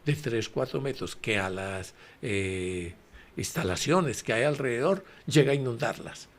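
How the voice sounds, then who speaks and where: Man slowly unpacking a gospel passage. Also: mid-range voice, expressive. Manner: explains slowly, with frequent fillers and repetitions; addresses listeners directly. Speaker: Bible study presenter. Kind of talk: conversational gospel commentary.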